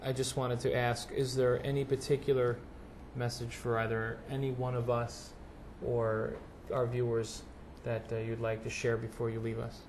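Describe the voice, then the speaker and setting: A man speaks as the host of a casual interview. His mid-pitched voice stays very level, and he words things tentatively, with hesitations. There is a faint noise in the background. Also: little pitch movement, moderate pace, hardly any pauses, darkish tone.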